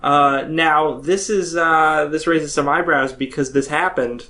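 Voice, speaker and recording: A man's voice: a little high, fairly even intonation, measured pace, bright, forceful tone. A man co-hosting a gaming news podcast, chatting with enthusiasm and restarting his sentences. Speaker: podcast co-host. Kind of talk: casual chat.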